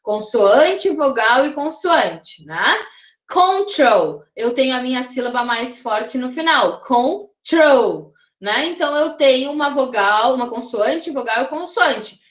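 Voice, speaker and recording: A woman with a Brazilian Portuguese accent is teaching an English grammar lesson, and her voice sits high. She explains step by step and keeps checking in with her students. The recording is roomy and dull, as in a lo-fi online class. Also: lively intonation, unhurried, fairly bright tone.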